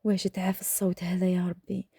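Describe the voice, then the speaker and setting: A woman's voice: on the low side, completely flat delivery, quick pace, vocal fry, mellow, husky, no room sound, studio quality. A woman voicing a cruel, menacing rural uncle who barks demands, with an Algerian accent. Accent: Algerian Arabic. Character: cruel shouting rural uncle, middle-aged man.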